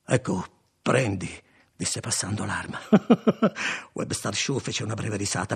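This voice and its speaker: A man reading a literary story aloud as an audiobook narrator, in a gravelly, husky voice with expressive, dramatic delivery. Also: medium pitch. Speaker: audiobook reader.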